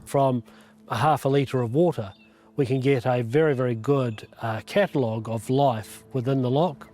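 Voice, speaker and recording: A man with a New Zealand accent explains things as a scientist in an interview. His voice sits at a middle pitch. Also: normal speed, a little mellow. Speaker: scientist, professor.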